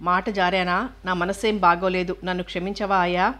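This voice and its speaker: A woman voicing a proud, headstrong young woman of a wealthy house in an audiobook, with a sharp, commanding manner. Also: fairly low pitch, level tone, normal speed, close to an everyday voice. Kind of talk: audiobook character reading.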